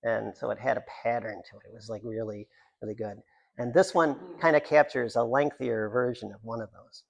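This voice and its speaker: Reading his own work live, a man speaks a little fast in a steady tone, his middle-pitched voice distinctly gravelly and creaky. Between passages he rambles off into jokey, self-deprecating remarks.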